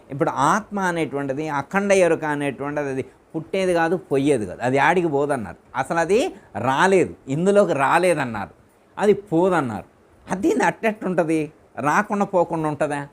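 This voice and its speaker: A man's voice: a little high, expressive, moderate pace. A man as spiritual teacher giving a discourse in a private home, repeating his phrases and putting questions to his listeners.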